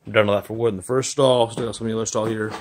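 A man races through a casual vlog of his garage and yard, partly outside, talking very fast while holding his phone to film. His voice is on the low side and a little mellow, with fairly even intonation, and his offhand, rambling talk is full of fillers over slight background noise.

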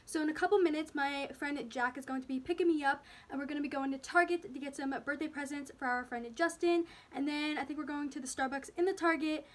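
A woman's voice: sits high, fairly even intonation, quick pace, few pauses. A teenage girl vlogging to her phone camera, chatty and giggly as she talks to her viewers. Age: teens. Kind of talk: casual vlog chat. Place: bedroom, then car and store. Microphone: phone camera at arm's length. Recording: phone video with loud car noise.

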